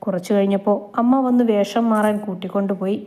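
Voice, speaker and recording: A woman reading a romantic family story aloud in a gentle, steady storytelling manner. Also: mid-range voice, quick pace.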